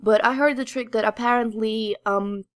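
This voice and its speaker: In a studio-quality recording without echo, a woman co-hosts a podcast, discussing games casually. Her pitch is fairly high, her intonation fairly even and her pace moderate, and she comes across as hesitant and rambling.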